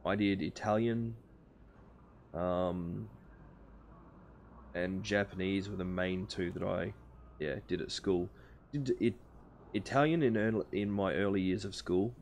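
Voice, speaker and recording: A young Australian man with a low, gravelly, slightly mellow voice chats casually with his live-stream viewers while playing a space game. He is chatty, answering chat between game actions, with slight background noise.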